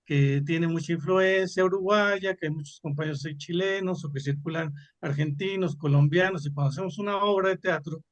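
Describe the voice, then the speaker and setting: A man's voice: on the high side, brisk, few pauses. A man with a Mexican accent, speaking off the cuff in a panel discussion, full of fillers and repeated words. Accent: Mexican Spanish. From Mexico (Veracruz). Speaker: panel participant, theater actor.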